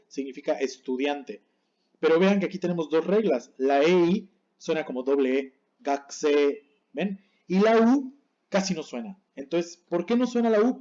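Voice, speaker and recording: A man teaching a language lesson, patiently saying each word slowly and then again to contrast the right and wrong way, and often checking that his class follows. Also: fairly high pitch, dark tone, lo-fi sound. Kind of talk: explaining Japanese pronunciation on screen.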